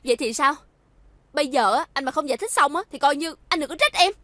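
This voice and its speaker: An actress playing a jealous, sharp-tongued young fiancée, needling and confrontational. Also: female voice, high voice, lively intonation, fast, dry recording.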